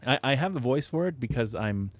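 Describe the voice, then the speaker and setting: A man hosts a live stream from his home setup, building model kits and chatting casually to viewers in a rambling way, with lots of restarts and fillers and frequent chuckles. His medium-pitched voice is lively and fairly quick, with no room sound, picked up close on a studio microphone with proximity effect.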